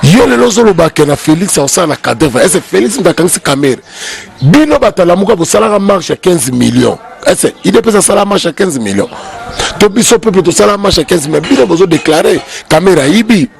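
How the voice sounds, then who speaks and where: His voice is high-pitched, brisk and very animated, with some vocal fry. This Congolese guest commentator from the DRC hammers his points home in a heated political debate, repeating key phrases emphatically as his voice rises in argument.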